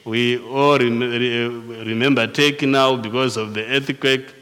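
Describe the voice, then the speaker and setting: A Zimbabwean-accented male pastor preaches a sermon slowly and deliberately, frequently restarting and repeating words mid-phrase. His medium-pitched, fairly bright voice holds a steady tone, with long reverb like a church hall.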